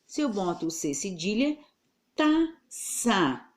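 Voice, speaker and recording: Slow, patient Brazilian woman teacher. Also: medium pitch, expressive, mellow. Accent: Brazilian Portuguese. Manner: slow, patient, over-articulating words for children. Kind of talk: online class lesson.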